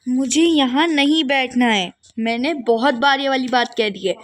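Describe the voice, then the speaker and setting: Woman playing a young female student, high voice, suspicious, snappy retorts, doll game role-play. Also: moderate pace, close to an everyday voice. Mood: indignant.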